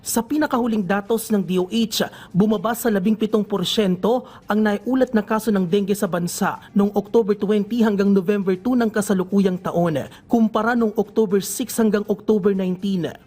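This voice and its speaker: A male news reporter reading a scripted report in a measured, formal newsreader manner. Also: high voice, a little mellow.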